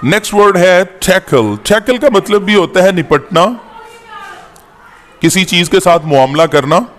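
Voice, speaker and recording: A man's voice: sits high, lively intonation, a bit bright. Man, classroom lesson, repeats words, reverberant room. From Pakistan. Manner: spells out words slowly, repeating each one. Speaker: teacher. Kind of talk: slow English-to-Urdu lesson.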